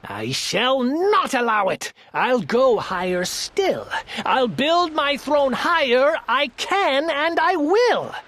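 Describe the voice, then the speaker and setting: Woman doing a bragging storybook turtle king, high and swooping, grand exclaiming delivery. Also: sing-song, slow pace, a bit bright, full character voice. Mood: indignant. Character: boastful tyrant male turtle king.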